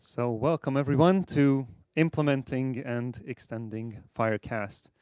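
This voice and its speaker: A man's voice: mid-range voice, steady tone, darkish tone, clear, resonant tone, no room sound, studio quality. Hungarian-born man giving a technical talk. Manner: measured, explanatory, with frequent fillers. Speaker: software architect presenting at a conference. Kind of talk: conference talk.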